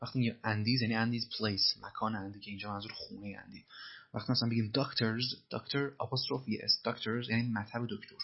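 A man teaching English, repeating film lines slowly and then explaining them in Persian. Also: lowish voice, steady tone, vocal fry, breathy edge, lo-fi sound.

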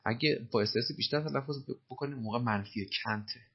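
A man with a husky voice teaching English phrases, patiently explaining and repeating them slowly. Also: medium pitch, highs cut off.

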